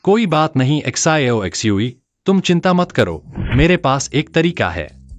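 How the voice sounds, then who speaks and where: A man's voice: mid-range voice, measured pace. A young man voicing an eager, earnest young hero in a dubbed drama. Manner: excitable, earnest.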